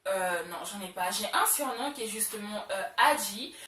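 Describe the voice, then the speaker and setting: Chatty bright-voiced young woman vlogging. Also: mid-range voice, lively intonation, moderate pace, a little hiss or hum. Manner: chatty, repeats words for emphasis, frequent fillers. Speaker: beauty vlogger. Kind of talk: casual talk to camera. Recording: roomy echo, a bit far from mic.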